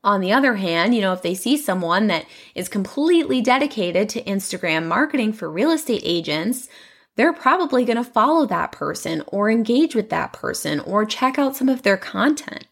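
A woman's voice: medium pitch, very animated, normal speed. A young woman hosting her own podcast, chatting in a casual, upbeat way with lots of "you know" fillers. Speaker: podcast host.

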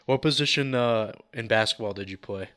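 A man's voice: mid-range voice, brisk, a bit bright. A male podcast host running a casual, friendly interview. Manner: friendly, asks questions.

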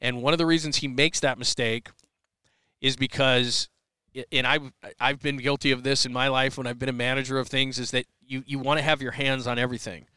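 A middle-aged man hosting a sports talk show fields a listener's question on a live podcast, broadcast from the press area at a major sports event. He speaks fairly quickly in a mid-range voice with little pitch movement and a bright, forceful tone, chatting loosely with many restarts. The sound is smooth and studio quality, without echo.

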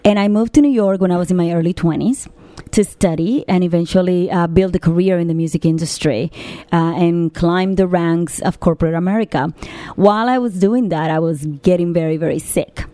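A woman's voice: lowish voice, fairly quick, warm tone, dry recording. A woman from Puerto Rico, a health coach, telling her story earnestly as an interview guest.

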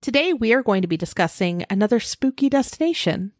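A woman's voice: on the high side, expressive, a little fast, darkish tone, dry recording, clean studio sound, soft background music. A woman co-hosting a podcast in casual chat, upbeat and agreeable as she talks with her co-host.

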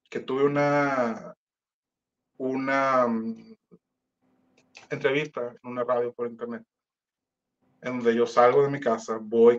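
Animated Mexican man with a muffled sound. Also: mid-range voice. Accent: Mexican Spanish. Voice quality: slangy, animated, acts out quoted voices. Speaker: musician telling his story. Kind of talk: casual storytelling.

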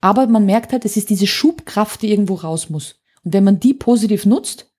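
An anger coach, interviewed conversationally on a podcast, lays out her ideas emphatically with vivid examples. She has a mid-range, warm voice with a breathy edge and speaks at normal speed.

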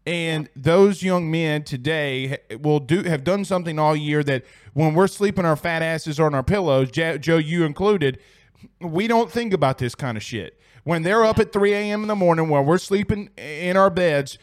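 A man's voice: a little high, moderate pace, no room sound, clean studio sound. A man hosting a casual sports podcast, rambling and blunt, swearing casually. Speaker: host.

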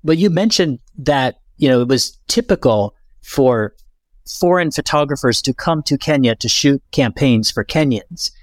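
A man conducts a conversational interview with an enthusiastic, affirming manner. His voice is mid-pitched, recorded dry and close. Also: animated, a little slow, dry recording.

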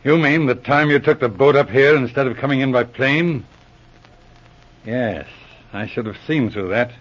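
An actor playing a cool, shrewd police inspector with clipped commands in a 1940s radio adventure serial. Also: male voice, mid-range voice, normal speed, close to an everyday voice. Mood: defiant, composed. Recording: muffled old radio recording.

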